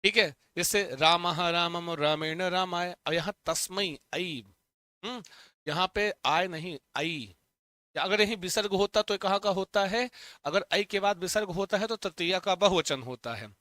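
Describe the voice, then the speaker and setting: A man teaching a Sanskrit lesson online, chanting word forms in a steady rhythm and urging students to repeat them aloud. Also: high voice, normal speed, dry recording. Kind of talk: online exam-prep lesson.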